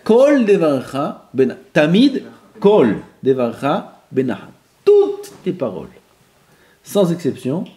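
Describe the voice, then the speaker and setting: Guy teaching torah class, voice jumps all over, warm mellow tone, drops in words. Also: on the high side. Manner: animated, mixes Hebrew terms, acts out quoted voices. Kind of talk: lively Torah lesson.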